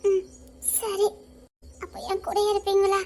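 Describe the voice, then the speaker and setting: A woman's voice: very high-pitched, completely flat delivery, unhurried, darkish tone. A woman with a Tirunelveli Tamil accent playing a sulky young pregnant wife, reproachful and half-laughing.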